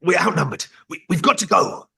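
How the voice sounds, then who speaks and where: A man's voice: sits high, fairly quick, vocal fry, slightly rough, exaggerated voice. A man reading a brusque, scornful commanding officer. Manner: clipped, impatient orders with a sharp tongue. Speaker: table read actor. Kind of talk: script table read over video call. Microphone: video call.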